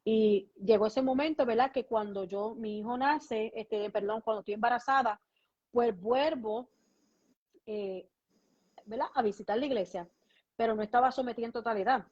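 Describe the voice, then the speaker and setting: A woman's voice: a little high, normal speed, a little mellow. A woman pastor, giving her testimony as an interview guest and acting out both sides of the conversations she recounts. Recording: dull lo-fi sound.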